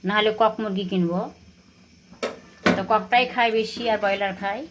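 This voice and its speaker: A woman's voice: mid-range voice, steady tone, moderate pace, noisy background. A woman with a Rajshahi Bengali accent vlogging at home, telling viewers about a quarrel and repeatedly asking them whether she was wrong. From Bangladesh. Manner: aggrieved, repetitive, asks viewers to judge. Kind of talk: casual home vlog, talking to viewers.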